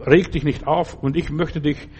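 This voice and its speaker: An older man preaching a sermon, repeating his exhortations earnestly and dropping at times to a soft, slow, reassuring tone. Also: fairly high pitch, fairly even intonation, breathy edge.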